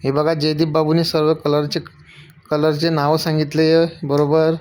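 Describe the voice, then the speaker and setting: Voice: mid-range voice, monotone, normal speed, a little mellow. An adult family vlogger filming at home, coaxing a small child with patient, repeated questions and talking to viewers. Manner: addresses viewers directly. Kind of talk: casual home video chat.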